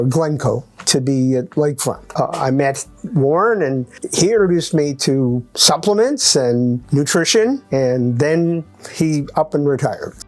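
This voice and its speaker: A man in his eighties giving a testimonial interview as a chiropractic patient. He talks haltingly with many restarts and lists his points by number. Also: fairly high pitch. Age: 80s.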